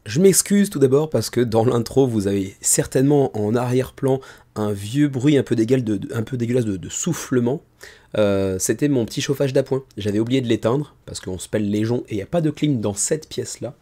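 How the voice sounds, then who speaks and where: A man hosts in a casual, chatty way with a mellow, dark tone. His voice sounds tired and deliberately held back, soft and low in volume, spoken close to the mic at a medium pitch. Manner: informal, chatty, self-deprecating. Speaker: host of a board game crowdfunding video show. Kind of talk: casual presenter talk, kept low and soft. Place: small room indoors. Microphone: microphone about ten centimetres from the mouth.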